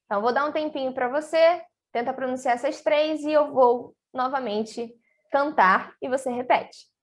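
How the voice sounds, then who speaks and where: A woman teaching an online language lesson, speaking slowly and carefully and drawing out syllables for students to repeat. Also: high voice. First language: Portuguese. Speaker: Spanish teacher.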